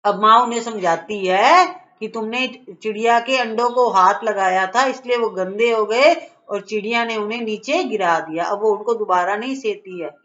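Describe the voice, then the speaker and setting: A woman's voice: medium pitch, moderate pace, few pauses, a bit bright. A woman teacher explaining a school lesson to children in a coaxing way, often checking that they follow along. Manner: coaxing, keeps asking "okay?". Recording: dull lo-fi recording.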